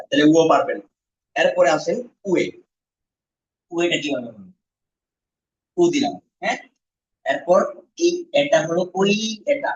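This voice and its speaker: Teacher drilling syllables in an echoey classroom. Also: male voice, on the high side. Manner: repeats syllables slowly for students to echo. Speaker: Korean language teacher. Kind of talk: classroom lesson. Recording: echoey room, distant muffled mic.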